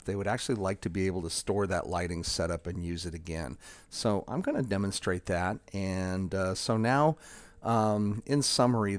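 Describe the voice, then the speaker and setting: Low-voiced man walking through a software demo. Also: no room sound. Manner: halting, with many ums and restarts. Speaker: software developer demonstrating his tool. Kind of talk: casual software demo walkthrough.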